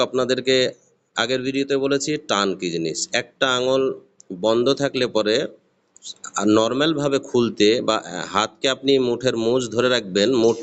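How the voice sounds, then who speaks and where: A man with a Bangladeshi Bengali accent, giving a patient recorded lesson on reading Arabic letters and sounding them out one by one. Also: medium pitch. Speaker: Arabic alphabet teacher.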